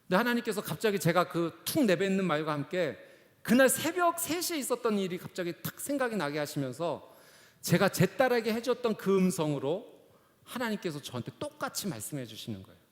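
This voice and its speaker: A middle-aged male pastor preaching a sermon. He moves between hushed, soft lines and loud, raised cries. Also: high-pitched, sing-song, fairly quick. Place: church sanctuary. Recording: long reverb of a church hall.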